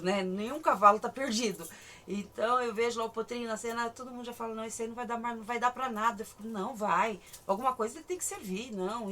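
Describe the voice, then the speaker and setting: A middle-aged woman with a Brazilian accent, a horse breeder chatting and telling stories in a lively way, often laughing. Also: medium pitch, a little hiss or hum. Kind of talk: casual conversation.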